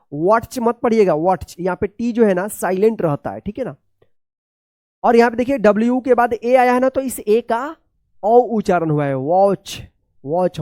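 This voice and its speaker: Soft-toned woman teaching English, step by step. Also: medium pitch, dry recording, clean studio sound. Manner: slow, spells letters out and repeats words with checking questions. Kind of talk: spoken-English lesson.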